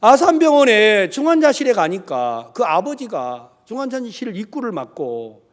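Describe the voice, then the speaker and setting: Male pastor, high animated voice, theatrical storyteller, long hall echo. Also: moderate pace. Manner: dramatic, switches between voices for quoted people. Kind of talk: sermon storytelling with acted dialogue. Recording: echoey hall reverb.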